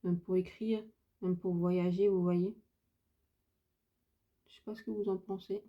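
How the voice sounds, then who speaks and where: A woman's voice: medium pitch, flat delivery, a little slow, highs cut off. A woman from France chatting casually through a makeup tutorial, hesitant and thinking aloud with lots of fillers. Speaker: beauty vlogger.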